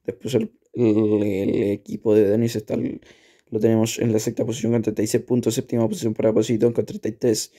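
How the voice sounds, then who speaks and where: A man's voice: fairly low pitch, little pitch movement, brisk, warm tone. A man commentating on a football video game, going through plays and figures and often repeating words.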